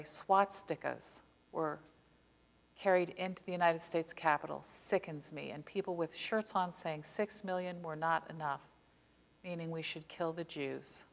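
An older female pastor delivers an earnest, impassioned sermon from a church pulpit in a lowish voice, slowing down and leaning hard on key words to drive them home. Heard through a clip-on mic, her words trail a long sanctuary reverb.

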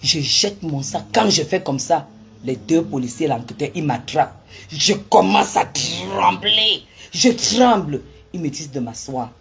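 A woman's voice: low-pitched, animated, measured pace, creaky, slight background noise. A woman telling viewers a personal story in a dramatic, emphatic way, with many restarts and repetitions. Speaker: vlogger recounting a personal dispute.

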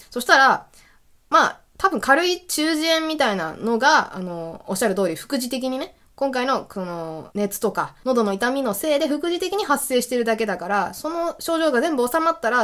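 A woman hosting a casual solo radio talk, telling stories in an animated way and laughing often. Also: fairly high pitch. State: recovering from illness. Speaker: podcast host.

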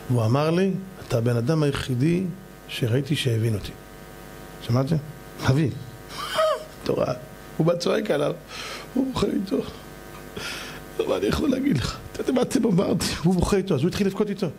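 A man, a rabbi, giving an animated sermon and acting out the voices of people in his stories. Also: mid-range voice, vocal fry, slight background noise.

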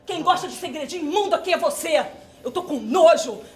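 An actress playing a betrayed young woman, tearful and pleading, then shouting in disgust. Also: high-pitched, expressive, unhurried. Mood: furious. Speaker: actress in a drama exercise. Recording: echoey room with clear noise.

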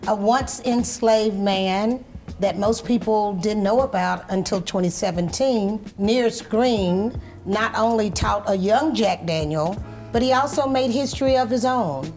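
A woman's voice: medium pitch, a little slow, darkish tone, faint music behind. A middle-aged woman walking a guest through a whiskey tasting in a restaurant bar, speaking on a lapel mic. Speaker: whiskey brand representative. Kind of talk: guided tasting talk. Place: upscale restaurant bar indoors.

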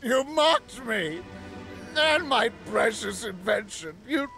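A man's voice: extremely high pitch, animated, slow, gravelly, pushed and bright, soft background music, exaggerated voice. An actor playing a crazed middle-aged male researcher who cackles and whimpers in a game cutscene. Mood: ranting frantic. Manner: manic cackling, whimpering outbursts.

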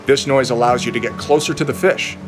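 An upbeat man in his thirties presents an outdoor fishing program from a small river he's wading in, growing excited at each bite. His pitch is medium, he talks briskly, and music plays under his voice.

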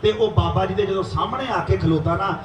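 A man preaches at a religious gathering and tells a story with lively, animated delivery, slipping into the voices of its characters. His voice sits high for a man. The sound is roomy and echoing, picked up from a distance over faint background ambience. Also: a little fast, a crowd in the background. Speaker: dhadi preacher. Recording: echoey live stage, heard from afar, faint ambience.

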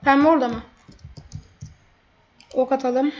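Woman gamer, high voice, running play-by-play commentary, quick to vent; dull lo-fi recording. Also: fairly even intonation. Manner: chatty, blurts out frustration at opponents. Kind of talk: live gameplay commentary. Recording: dull lo-fi mic.

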